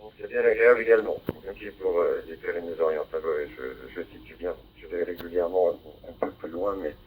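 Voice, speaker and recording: A deep-voiced man talks briskly with fairly even intonation during a ham radio contact, crowd noise audible behind him. He hesitates with many fillers and spells call signs phonetically. His handheld mic is decoded by a receiver into tinny narrowband digital audio with faint hiss.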